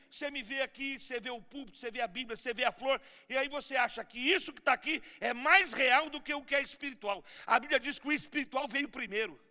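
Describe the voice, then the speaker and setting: Male pastor, very high bright voice, fervent sermon, long church-hall reverb. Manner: fervent preaching, leads the congregation in repeated declarations.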